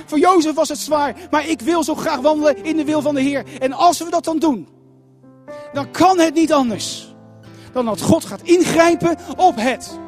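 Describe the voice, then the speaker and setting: A man preaching a sermon, emphatic and dramatic, dropping to a hush and then building up loud. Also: very high-pitched. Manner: emphatic, dramatic swings between hushed and loud.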